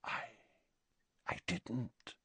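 A man's voice: high-pitched, sing-song, slow pace, fairly bright tone, no room sound, pitched above the performer's own voice, full character voice. A man voicing a sentimental, tipsy old male potions master who talks in a flustered, tearful way. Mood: hushed. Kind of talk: audiobook character voice.

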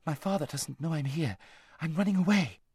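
Man acting an urgent, hissing, high-voiced young girl. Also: a little fast, a little mellow, no echo, studio quality. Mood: anxious, serious. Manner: hissed, breathy urgent whispering. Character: fierce, urgent, serious runaway noble girl. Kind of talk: audiobook character voice.

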